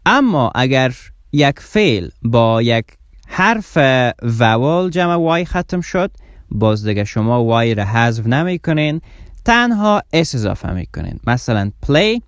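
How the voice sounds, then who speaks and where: A man with a voice teaching English grammar, saying example words slowly and repeating them. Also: mid-range voice, sing-song, dry recording, clean studio sound. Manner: slow, deliberate example words, repeated for emphasis. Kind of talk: explaining grammar rules.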